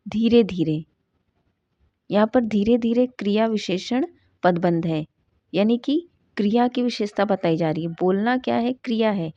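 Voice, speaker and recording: A woman teaching a grammar lesson, asking questions and answering them herself and slowing down to read out example sentences. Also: medium pitch, dark tone, dry recording. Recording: dull dry lo-fi sound.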